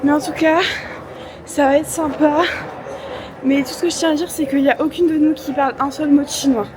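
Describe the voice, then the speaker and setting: A young woman, tired after traveling, vlogs casually to camera in a noisy airport, cracking slangy jokes amid many fillers. She speaks briskly in a high-pitched voice with fairly even intonation.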